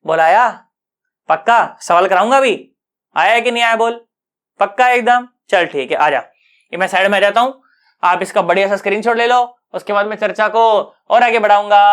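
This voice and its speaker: A male physics tutor teaching an online class in an easy, colloquial way. He is lively and coaxing, cracks jokes, and slips English terms into his explanations. He keeps checking in with students to make sure they have understood. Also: high-pitched, smooth.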